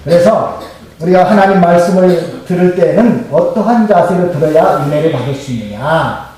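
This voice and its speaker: A pastor with a high-pitched, warm voice preaches at a moderate pace with lively intonation, continually quizzing his congregation and getting them to repeat the answers. He is in a church sanctuary, recorded in a very echoey hall from a distant mic.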